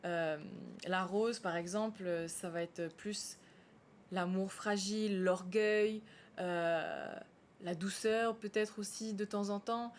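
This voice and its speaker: A woman stage actress answers questions on a TV news set. She talks in a searching, hesitant way with frequent fillers and restarts, at a middle pitch. Faint background hiss sits under her voice. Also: steady tone, slow pace. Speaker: stage actress interviewed as guest. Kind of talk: live studio interview.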